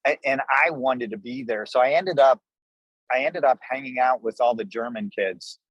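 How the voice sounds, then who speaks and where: An American man in his sixties, a restaurant co-owner appearing as a podcast guest, tells stories in a folksy, conversational way. His medium-pitched voice is slightly rough and moves at a normal speed, recorded with lo-fi sound and no echo.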